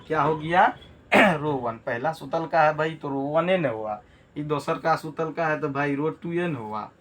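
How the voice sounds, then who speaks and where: A man's voice: fairly high pitch, a little hiss or hum. A man teaching a math lesson, repeating key terms and asking rhetorical check questions. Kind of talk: classroom lesson.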